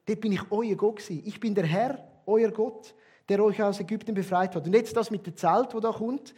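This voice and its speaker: Swiss German man, pastor's sermon, high-pitched and husky, emphatic delivery. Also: a little fast. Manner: emphatic, swinging between loud stresses and quiet drops.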